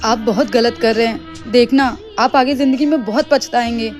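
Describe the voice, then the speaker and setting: A woman's voice: fairly high pitch, moderate pace. A woman playing a daughter-in-law in a family drama, speaking firmly and defiantly. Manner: defiant, firm. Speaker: actress in short family drama. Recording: music bed behind the voice.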